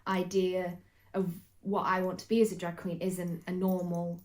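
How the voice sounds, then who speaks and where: A woman's voice: fairly low pitch, flat delivery, normal speed, a little mellow. A woman chatting casually as co-host, giggling often between remarks. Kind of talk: casual chat.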